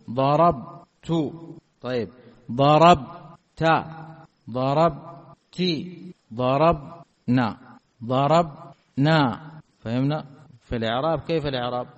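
A man teaching an Arabic grammar lesson. He keeps asking his students check questions and slows down to stress each example word. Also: fairly high pitch. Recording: reverberant hall, dull lo-fi sound.

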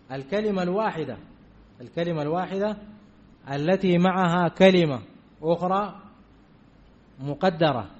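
Man, grammar teacher, fairly high voice, repeats terms and checks in with students, muffled lo-fi recording. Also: darkish tone. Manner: repeats key terms, often asks "did we understand?". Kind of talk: Arabic grammar lesson. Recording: dull lo-fi recording.

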